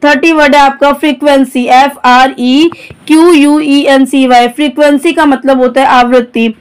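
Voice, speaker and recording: A woman's voice: sits high, fairly even intonation, normal speed. A woman teaching English vocabulary, spelling each word letter by letter and then explaining its meaning. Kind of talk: vocabulary lesson, spelling out words.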